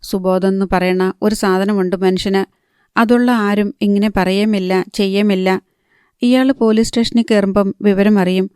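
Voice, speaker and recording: A woman narrating a novel in a calm, even storytelling manner. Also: medium pitch, measured pace, clear, resonant tone, dry recording, clean studio sound. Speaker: audiobook narrator.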